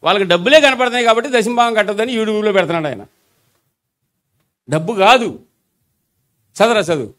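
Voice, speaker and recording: A man's voice: high voice, expressive, fast, pauses often, a bit bright. A man preaching a sermon in a Telugu accent, urging the congregation to repeat after him. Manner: exhorting the congregation to repeat aloud. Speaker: pastor.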